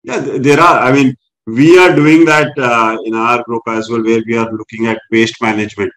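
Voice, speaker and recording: Man, panel guest, measured, businesslike, mid-range pitch. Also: steady tone, a bit bright, rough recording. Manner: measured, businesslike, hesitant fillers. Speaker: hotel general manager, panel guest. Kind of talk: panel discussion.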